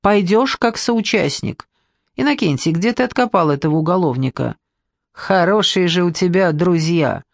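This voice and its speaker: A storyteller voicing a loud, sharp-tongued, stout woman, mocking and domineering. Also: medium pitch, expressive, normal speed, vocal fry, dry recording, clean studio sound.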